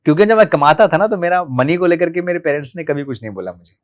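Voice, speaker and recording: A man in his thirties from Delhi, a podcast guest telling his life story in a candid, animated way and acting out remembered dialogue. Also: fairly high pitch, fast. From Delhi, India. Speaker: podcast guest, martial arts practitioner.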